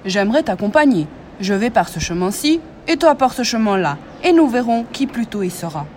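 A woman reading a storybook aloud, voicing a hungry scheming male wolf with a loud, drawn-out delivery. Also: fairly high pitch, big pitch swings, a little hiss or hum. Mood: sly.

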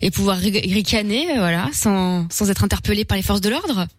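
A woman's voice: mid-range voice, animated, no room sound, clean studio sound. Teasing female radio co-host. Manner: teasing, quick interjections.

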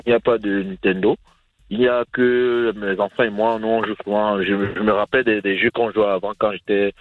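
Low-voiced male caller on tinny phone line. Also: level tone, dry recording. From Africa. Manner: repetitive, halting phrasing. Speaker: radio call-in listener. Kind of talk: casual phone-in opinion.

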